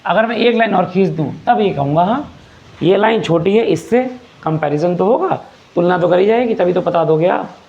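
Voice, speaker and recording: A man's voice: high-pitched, lively intonation, normal speed, creaky, a little mellow. A man teaching a grammar lesson, explaining patiently, repeating phrases and asking rhetorical questions. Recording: dull lo-fi recording.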